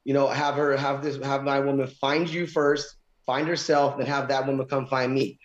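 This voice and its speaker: A man with an average-pitched voice talks casually and earnestly about belief. He drives points home by repeating phrases with emphasis. The audio is slightly dull and muffled. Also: little pitch movement, moderate pace. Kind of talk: casual religious conversation.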